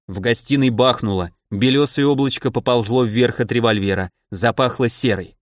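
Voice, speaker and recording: A man reading an audiobook aloud in an expressive, lively way. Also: medium pitch, normal speed, dry recording, studio quality. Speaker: narrator. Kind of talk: audiobook narration.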